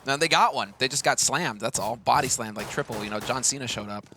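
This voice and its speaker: A man giving energetic color commentary on an esports match, excitable and joking. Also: mid-range voice, noisy background. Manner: excitable, joking, fast-talking.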